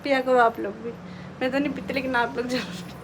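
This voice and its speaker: A woman's voice: on the high side, fairly even intonation, brisk, slight background noise. A young woman chatting casually to her vlog viewers and reassuring her mother-in-law. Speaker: vlogger. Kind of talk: casual family vlog talk.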